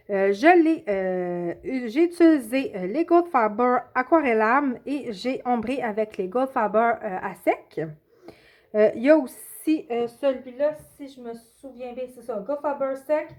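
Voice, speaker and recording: Hesitant Québécoise woman, slightly high voice. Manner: hesitant, many filler sounds and self-corrections. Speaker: coloring channel host. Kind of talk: casual show-and-tell of finished coloring pages.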